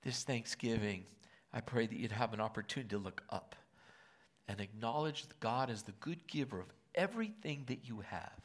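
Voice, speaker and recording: An older man as pastor, preaching and praying earnestly, with emotion and often dropping to a hush. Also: medium pitch, expressive, normal speed. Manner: earnest, emotional, drops to hushed whispers. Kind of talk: sermon and prayer. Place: church auditorium.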